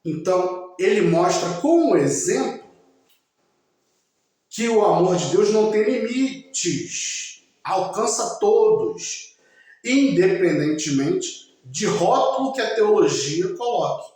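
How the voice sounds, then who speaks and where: A man giving a slow, emphatic religious talk, speaking directly to his listeners. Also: high-pitched, animated, a little mellow. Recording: very echoey room.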